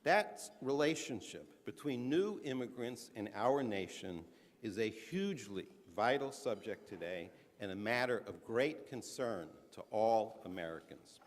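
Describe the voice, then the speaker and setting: A man giving a measured, earnest speech at a conference, stressing his points, now and then restarting a phrase. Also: fairly low pitch, animated. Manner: earnest, measured, emphatic delivery with occasional restarts. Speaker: conference speaker. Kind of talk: prepared speech to an audience. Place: conference hall. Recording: large hall with long reverb.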